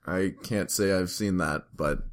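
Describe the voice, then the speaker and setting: A man's voice: low voice, unhurried. A young man co-hosting a podcast, laid-back and agreeable in casual chat. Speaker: podcast co-host.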